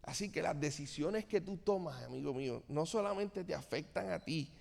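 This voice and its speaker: A man's voice: on the high side, expressive, normal speed, gravelly, a little mellow, long reverb tail. A man from Cuba preaching a sermon to a church congregation, speaking earnestly and turning often to address his listeners directly. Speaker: pastor.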